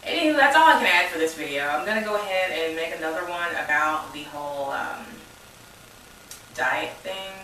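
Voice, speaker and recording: A woman's voice: low voice, expressive, moderate pace, bright, forceful tone, far from the mic, slight background noise. A woman, rambling in a casual personal vlog. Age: 20s. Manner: rambling, informal, says y'all. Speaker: vlogger. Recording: echoey room, voice a bit off mic.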